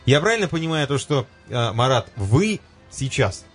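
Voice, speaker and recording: Мужчина-радиоведущий непринуждённо беседует в студии, подбирая слова с паузами. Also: male voice, medium pitch, big pitch swings, moderate pace, slightly rough. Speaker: radio host. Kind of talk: casual chat on air. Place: radio studio. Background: music.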